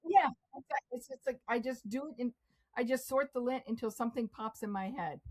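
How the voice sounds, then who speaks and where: A woman's voice: on the high side, a little fast. A middle-aged woman as an interview guest, telling stories in casual talk, acting out quotes and laughing often. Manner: animated storyteller, acts out quotes, laughs often. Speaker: guest artist.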